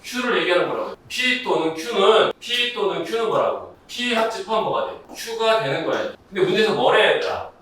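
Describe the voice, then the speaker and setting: A man teaching a high school math class, constantly quizzing his students and calling out to them. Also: lively intonation, moderate pace, few pauses, a bit bright. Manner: quizzing, repeatedly addressing students. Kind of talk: classroom lecture. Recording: echoey room, distant mic, faint noise.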